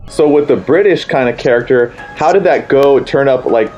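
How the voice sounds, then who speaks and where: A man's voice: medium pitch, normal speed, darkish tone, muffled recording, soft background music. A man interviewing a voice actor about his film, asking loosely phrased, rambling questions in a casual chat. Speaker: interviewer, filmmaker.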